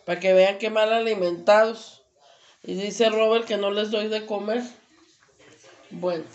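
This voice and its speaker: A woman with a Mexican Spanish accent chats casually through a cooking demonstration in her home kitchen, speaking slowly with many fillers. Her mid-range voice is darkish with fairly even intonation, picked up by a camera across the stove with the highs cut off.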